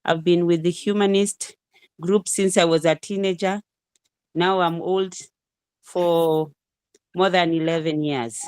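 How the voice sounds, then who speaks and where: Smooth-voiced woman on a call. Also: on the low side, steady tone, a little slow, long pauses, a little mellow, dry recording, studio quality. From Kenya. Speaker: musician and caregiver. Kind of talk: self-introduction on a video call.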